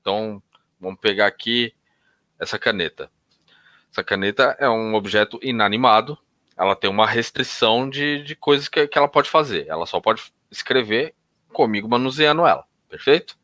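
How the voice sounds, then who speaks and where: A man teaching techniques in a relaxed conversational way, often restarting sentences and changing his tone to show examples. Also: lowish voice, moderate pace, no echo. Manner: explains with hesitant restarts, demonstrates intonation shifts. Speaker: NLP instructor.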